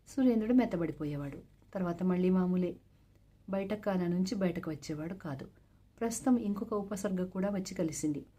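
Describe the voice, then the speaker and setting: A woman reading a translated novel aloud as storyteller, in a steady, measured way. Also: on the low side, breathy edge.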